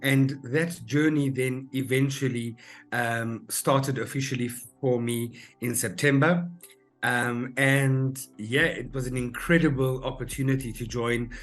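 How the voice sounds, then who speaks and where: A South African man in his forties, a recruitment manager answering podcast interview questions in a measured way, with many ums and uhs. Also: mid-range voice, fairly even intonation, fairly bright tone, faint music behind. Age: 40s.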